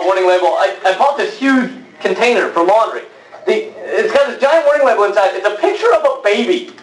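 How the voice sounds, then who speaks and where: A man doing a stand-up comedy routine, delivering deadpan punchlines and acting out little voices. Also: extremely high pitch. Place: club stage with audience laughter. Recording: roomy live club recording, mic far off, loud noise.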